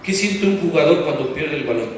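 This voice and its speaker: A pastor with a fairly high, expressive voice preaches at a fairly quick pace. He stays emphatic, quizzes the congregation as he goes, and leans on football comparisons. He is captured from a distance in an echoey church hall with faint background noise.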